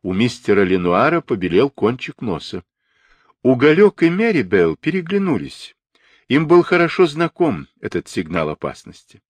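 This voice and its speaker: Expressive man reading an audiobook. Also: mid-range voice, normal speed, slightly rough, dry recording. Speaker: audiobook narrator. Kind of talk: audiobook narration.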